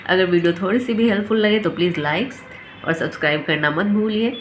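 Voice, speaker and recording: A woman's voice: fairly low pitch, quick pace, slight background noise. A woman teaching a phonics lesson, sounding out letters and words one by one.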